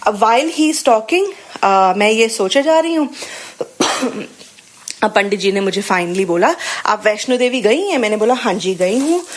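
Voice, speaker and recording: A woman's voice: mid-range voice, expressive, measured pace. A woman telling her own devotional experience in an earnest, storytelling way, often mixing in English phrases. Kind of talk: personal testimony at a satsang.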